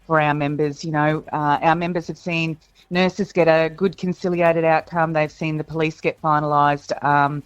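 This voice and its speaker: A woman's voice: low voice, level tone, normal speed, clean tone, no echo, lo-fi sound. An Australian woman answering radio interview questions as a union president, hesitant and full of fillers. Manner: hesitant, full of "you know" and "um".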